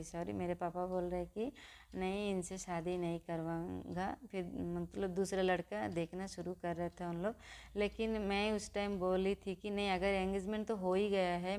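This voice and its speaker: A young female vlogger speaks to her viewers in a low, level voice with a darkish tone. She tells a personal story haltingly, stopping and restarting often.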